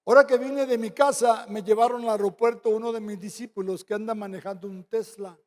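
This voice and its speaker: A high-pitched man preaching with a Mexican Spanish accent. He tells stories in a lively way, acting out both sides of a conversation and tossing in quick asides. His voice rings with long reverb through a church sanctuary. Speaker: pastor. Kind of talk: sermon with storytelling.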